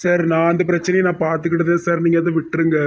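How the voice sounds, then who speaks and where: Male voice artist, Tirunelveli accent, monotone and weary, for a village cartoon. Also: a little high, fast, dull audio. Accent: Tirunelveli Tamil. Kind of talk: animated village comedy dialogue.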